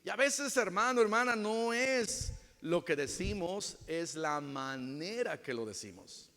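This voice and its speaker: A male pastor preaching a sermon with emphatic swings from loud to hushed, acting out the voices of people he quotes. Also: high voice, animated, measured pace. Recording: long reverb of a large church hall.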